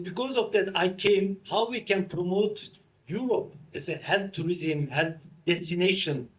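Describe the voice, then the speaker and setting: High-voiced man in halting English. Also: low-quality recording. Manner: halting non-native English in short phrases. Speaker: interview guest, institute founder. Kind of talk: unscripted interview talk.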